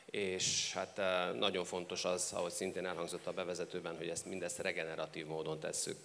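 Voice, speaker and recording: A man working as a live consecutive interpreter, with a halting delivery. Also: low-pitched, flat delivery, vocal fry, a bit bright. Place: large reverberant hall. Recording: echoey hall with background noise.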